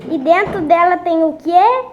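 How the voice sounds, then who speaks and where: A woman's voice: extremely high pitch, unhurried, muffled recording, a little hiss or hum. A woman hosting a gaming channel, chatting casually to viewers at home and repeating her phrases as she plays. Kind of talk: casual gameplay commentary. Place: at home, family nearby.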